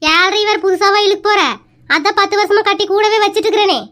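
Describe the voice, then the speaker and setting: A woman's voice: very high voice, fairly even intonation, a little fast, a bit bright. A woman performing a nagging, sarcastic wife in a comedy sketch. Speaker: comic sketch actor playing a wife.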